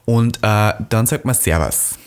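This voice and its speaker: A man's voice: fairly low pitch, expressive. A young man with an Upper Austrian accent, co-hosting a podcast in a chatty, teasing way. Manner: chatty, jokey, quick to tease. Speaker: podcast co-host. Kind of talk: casual podcast chat.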